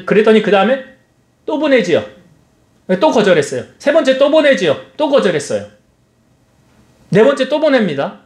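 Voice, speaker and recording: A male pastor preaches with a high, lively voice that swoops up and down as he fires rhetorical questions at the congregation. His voice rings out in an echoey church hall. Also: moderate pace, pauses often. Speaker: senior pastor. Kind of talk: sermon.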